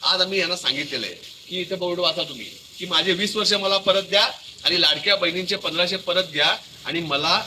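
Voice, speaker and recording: Activist guy talking quick and sharp at a protest, high-ish voice. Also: a little hiss or hum, rough recording. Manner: fast, forceful public speaking. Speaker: activist organizer. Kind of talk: protest statement to the press. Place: outdoors at a protest.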